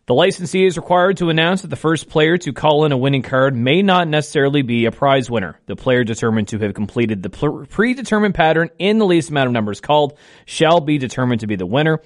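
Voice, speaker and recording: A man working as a bingo caller, hosting a live radio game from a studio and announcing in a deliberate, plain-spoken way. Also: on the high side, lively intonation. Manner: bingo caller, repeating each number deliberately.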